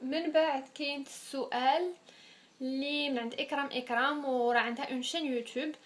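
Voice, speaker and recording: A young Moroccan woman in her twenties chats through a casual Q&A vlog. Her voice sits high, and she mixes French words into her talk. She moves along at a quick clip. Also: steady tone. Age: 20s. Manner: chatty, sprinkles French words. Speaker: vlogger.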